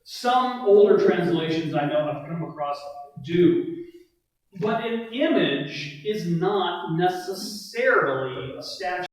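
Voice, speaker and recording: A man with a fairly high voice teaches a relaxed Bible study class. He talks in a loose, conversational way and keeps turning to the group for agreement. He is recorded from a distance in a church room that echoes heavily. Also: slow. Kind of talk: casual Bible study lecture. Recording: very echoey room, mic far off.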